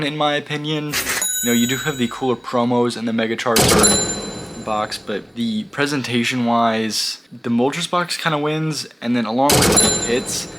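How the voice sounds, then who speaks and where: A man hosting a card pack-opening video, chatting casually to camera with lots of fillers and self-corrections, his voice going a little hoarse. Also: medium pitch, heavy background noise.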